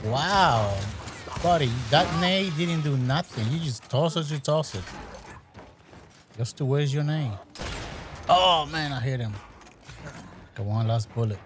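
A man's voice: on the high side, takes it slowly, pauses often, noisy background. A man casually commenting on his own gameplay, talking to the opponents as he plays. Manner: relaxed, talks to opponents while playing. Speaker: gaming commentator.

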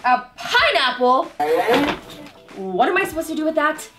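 A woman's voice: high voice, sing-song, a little slow, music in the background. A woman playing a haughty, scheming evil fairy posing as a sweet princess in a children's parody, with theatrical, imperious villain menace. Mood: haughty, scornful. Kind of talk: campy children's parody sketch acting.

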